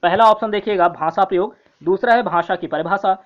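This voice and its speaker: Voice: medium pitch, a little fast. Methodical quiz teacher, dull lo-fi sound. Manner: repeats each question and its options, often checking in with "thik hai"; tells viewers to note down each answer. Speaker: online exam-prep teacher.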